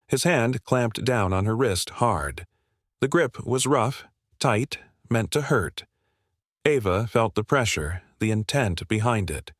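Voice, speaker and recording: A man narrates a scripted dramatic story in a steady, even reading. His voice sits on the low side and sounds dry and close, with no room around it. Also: no room sound.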